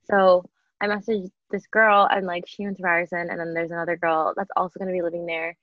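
A woman, a podcast guest with a husky just-woken-up voice, laughing and self-mocking. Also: fairly low pitch, little pitch movement, fairly quick, dry recording, muffled recording. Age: 20s. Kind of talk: casual chat.

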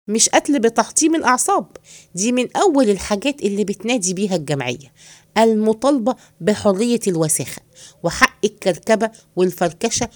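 A woman with an Egyptian accent voicing a scheming, henpecked middle-aged man who plots in hushed tones. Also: no echo, lightly acted. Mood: indignant. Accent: Egyptian Arabic. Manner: low hushed plotting tone.

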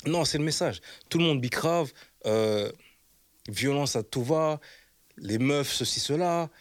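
The host of a web channel, a man with a mid-range voice, answers interview questions casually, rapidly and emphatically, repeatedly asking "you see what I mean?" to check that the listener is following. The recording is studio quality with no room sound.

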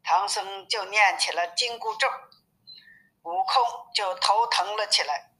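Bright-voiced woman reading a story aloud. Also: mid-range voice, a little slow, poor audio. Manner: expressive, steady narration.

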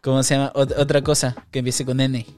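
A young man with a Mexican Spanish accent, co-hosting a casual podcast chat, slangy and quick to laugh. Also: mid-range voice, level tone, a little mellow, faint music behind. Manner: slangy, laughs often, acts out quotes. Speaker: podcast co-host.

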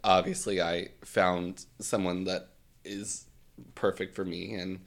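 A young man whose first language is Swahili speaks slowly in a low, level, creaky voice during a casual podcast chat. He's thoughtful and hesitant, restarting sentences and laughing softly.

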